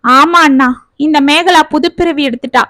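A woman's voice: high-pitched, moderate pace, pushed and bright, no room sound. A woman voicing an emotional young married woman who pleads for forgiveness and then talks eagerly. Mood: eager cheer.

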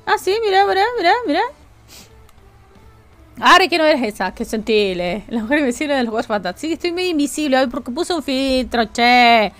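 Argentine-sounding lady streamer, higher voice, jokes with chat, soft music under it. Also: lively intonation, fairly quick, hardly any pauses. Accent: Rioplatense Spanish. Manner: chatty, jokey, talks to chat. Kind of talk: casual live-stream chat while building in a game.

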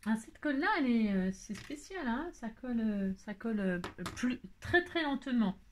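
A woman's voice: fairly high pitch, animated, moderate pace, slight background noise. A woman with a French accent hosting a card-making tutorial, chatting and thinking aloud as she works, with frequent delighted exclamations. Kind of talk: casual crafting tutorial.

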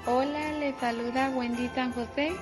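A woman's voice: high-pitched, steady tone, a little slow, over loud music. A woman from Guatemala, giving a brief, cheerful holiday greeting.

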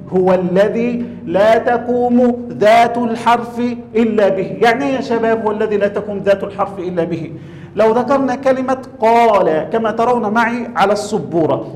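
A man teaching Quran recitation to a class, quizzing students and drawing out example words slowly. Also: high voice, a little mellow, echoey room, in a large hall, a little hiss or hum. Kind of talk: classroom tajweed lesson.

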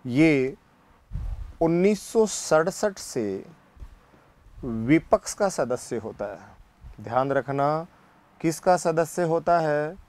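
A man gives a classroom lecture in a slightly raised voice. He talks at an unhurried pace and keeps asking questions that he answers himself. He goes back over the same points again and again. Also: fairly high pitch, lively intonation, a little mellow. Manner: slow, deliberate delivery. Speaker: political science teacher.

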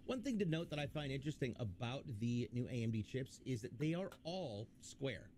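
This livestream host is building a PC while joking around and reading questions from viewer chat out loud, keeping things casual. He has a mid-range, darkish voice with lively intonation and a slightly quick delivery, over a light hiss or hum.

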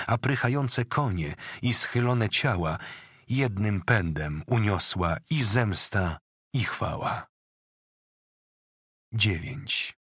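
A man's voice: on the low side, a bit bright, husky, no room sound, clean studio sound. A man reading epic verse aloud as an audiobook narrator, declamatory and rhythmic.

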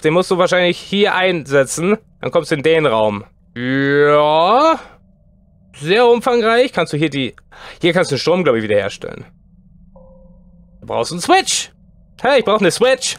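A man commentating a horror game as a let's play host, excitable and chatty, talking to the game's characters as he plays. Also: a little high, no room sound.

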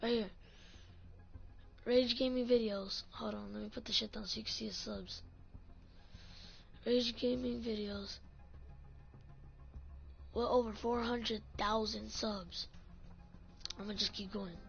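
Woman going off in a vlog, swears a lot, kinda high voice, muffled cheap sound. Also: fairly even intonation, slow pace, creaky, pauses often. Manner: ranting, profane, full of "like". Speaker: gaming clan leader. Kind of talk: casual vlog rant. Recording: dull lo-fi audio, faint music.

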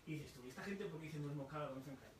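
A man presenting his book at a live bookshop talk, explaining slowly, repeating words and asking the audience questions. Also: on the high side, slight background noise. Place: bookshop event room. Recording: echoey room, voice from far off.

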